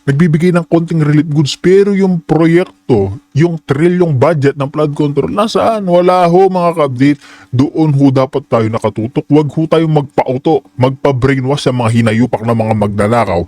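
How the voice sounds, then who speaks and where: A man's voice: on the high side, moderate pace, mellow, no room sound. A man hosting a political commentary channel, speaking heatedly and addressing his viewers politely.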